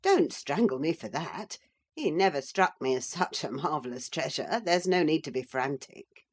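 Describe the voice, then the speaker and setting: A woman voicing a fussy, cross young gentleman in a storybook reading, clipped and disapproving. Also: low-pitched, sing-song, moderate pace, husky, full character voice.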